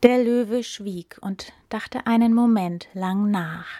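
A woman narrating a children's storybook aloud in a calm, expressive manner. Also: mid-range voice, takes it slowly, no echo, studio quality.

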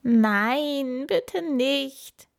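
A woman's voice: high voice, drawn-out words, gravelly, no room sound, clean studio sound, pitched above the performer's own voice, full character voice. A woman voicing a small, upset animal in a children's story, wailing and sobbing in a whiny way.

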